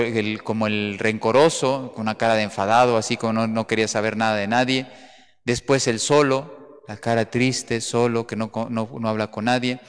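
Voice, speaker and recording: A man, a priest, giving a homily in a church, telling a story earnestly, pausing and repeating words. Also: lowish voice, clear, resonant tone. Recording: long church reverb.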